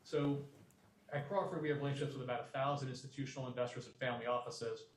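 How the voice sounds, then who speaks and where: A man's voice: mid-range voice, steady tone, fast. A man giving a guest lecture to a business class, plainspoken and fond of repeating homely sayings. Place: university lecture room. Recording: echoey room, voice from a distance.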